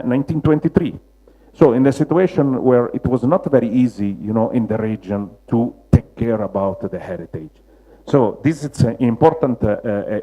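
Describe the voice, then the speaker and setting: A man with a Roman Italian accent gives a public slide lecture, searching for words in halting non-native English. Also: medium pitch, dark tone, low-quality recording. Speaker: lecturer, mosaic restorer.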